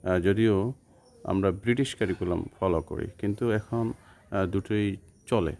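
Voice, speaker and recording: A man from Bangladesh teaching English pronunciation to students, speaking slowly and carefully with hesitations. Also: low-pitched, darkish tone. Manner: slow, careful, with hesitations and demonstrated example words. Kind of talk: spoken lesson to students.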